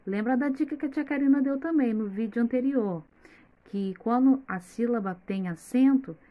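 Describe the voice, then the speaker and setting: A woman's voice: medium pitch, a little mellow. A woman with a Brazilian Portuguese accent, a primary school teacher giving a recorded remote lesson, who patiently stretches out words and speaks straight to the children. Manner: patient, slowly spells out words and addresses the children directly.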